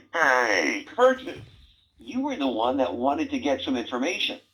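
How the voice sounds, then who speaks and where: Sarcastic male robot-brain toy: wisecracking, bossy, with big pitch swings. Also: very animated, unhurried, a bit bright, poor audio. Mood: teasing. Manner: sarcastic, teasing, bossy quiz-style prompts. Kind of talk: toy voice lines.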